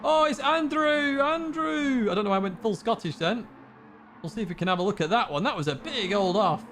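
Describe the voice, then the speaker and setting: A man giving live commentary on a sim racing event in an excitable, chatty manner. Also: sits high, quick pace, slight background noise. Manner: excitable, chatty, laughs along. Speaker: race commentator.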